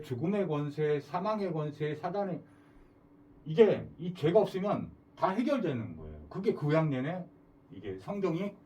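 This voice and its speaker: Male preacher, somewhat high and lively delivery, heard a bit off-mic, emphatic questions to the congregation. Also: far from the mic. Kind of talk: sermon.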